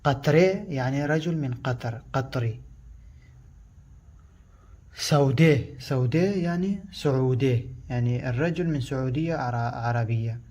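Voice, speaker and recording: A man whose first language is Pashto, teaching a language lesson and repeating each word slowly and loudly before he explains it. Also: medium pitch. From Afghanistan.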